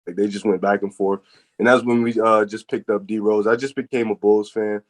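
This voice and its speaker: A man's voice: on the low side, fairly even intonation, a little fast. A man from New Jersey chatting casually as a podcast guest, with slangy, profane wording. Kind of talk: casual chat.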